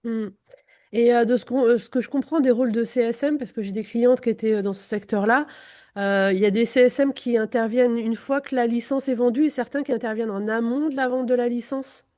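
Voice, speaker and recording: A woman's voice: on the high side, fairly even intonation, a little fast, warm tone. A woman hosting a conversational interview podcast as a career coach.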